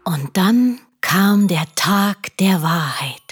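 A woman voicing a mother narrating a radio play in a hushed, sometimes snappish way. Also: mid-range voice, animated, extremely slow, husky, full character voice. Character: mother Sarah, storyteller, easily irritated.

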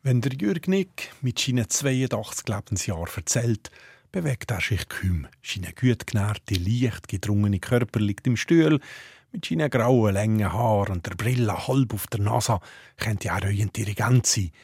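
A man with a Swiss German accent narrating a documentary report in a measured, descriptive way. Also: fairly low pitch, animated, a little mellow, slightly rough, no echo, studio quality.

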